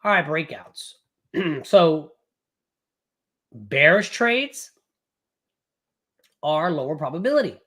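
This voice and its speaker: A day trading coach leads a live online trading class, loud, brash and profane, even remarking on his own loud voice. His fairly high pitch swings widely as he rambles fast and casually, tossing in "right?" often, his voice not fully back after a cold.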